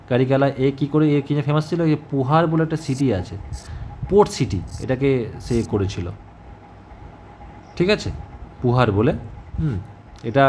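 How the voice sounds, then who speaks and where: A man teaching an exam-prep history lesson in a conversational way, often pausing to check that students follow. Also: medium pitch, darkish tone, a little hiss or hum. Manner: conversational, repeats "ঠিক আছে?" as a check-in, many fillers.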